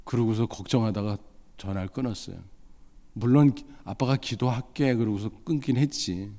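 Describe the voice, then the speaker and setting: A man's voice: on the low side, brisk, mellow. Folksy male pastor in echoing hall. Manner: folksy, humorous storytelling with acted-out dialogue. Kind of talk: sermon with storytelling. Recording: long hall reverb.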